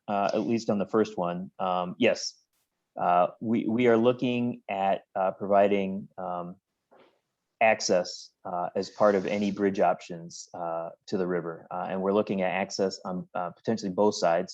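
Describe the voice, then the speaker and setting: A man's voice: sits low, steady tone, moderate pace, darkish tone. A man answering public questions on a webinar, hesitant and full of fillers, speaking from home over a video call. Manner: hesitant, many fillers and restarts. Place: home office with work being done. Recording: muffled lo-fi video call audio.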